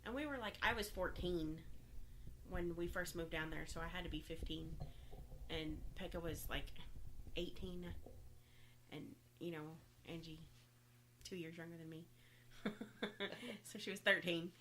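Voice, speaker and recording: Low-voiced woman recalling family times. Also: background noise. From Oklahoma. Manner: halting, fillers, reluctant then earnest. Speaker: guest sister. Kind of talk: casual family storytelling.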